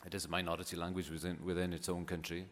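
A Welsh man whose first language is Welsh gives an informal, unscripted public talk as a poet, sounding hesitant and thoughtful. His voice is low-pitched and fairly bright, with flat delivery at a racing pace. The hall echoes and background noise is clearly audible.

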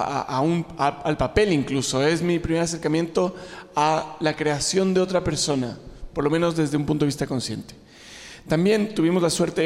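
A man from Ecuador in his forties, an illustrator giving a humorous talk to a live audience, joking and self-deprecating, with frequent fillers and restarts. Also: fairly high pitch. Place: large hall with an audience. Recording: long hall reverb.

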